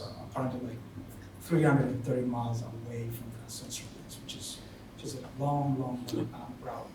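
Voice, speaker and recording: A man speaks up from the audience, pausing often to find his words. He sits well away from the mic in a strongly echoing hall. A clear hum of room noise runs beneath him. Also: medium pitch. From Tanzania. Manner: halting, searching for words with many fillers. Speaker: audience member. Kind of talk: spoken remarks at a panel discussion. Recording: very echoey hall from far off, noisy.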